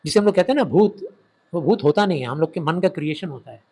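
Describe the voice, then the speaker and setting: A man's voice: fairly high pitch, animated, fast talker, dark tone, a little hiss or hum. A man teaching an English literature story to students, retelling it and asking and answering his own questions.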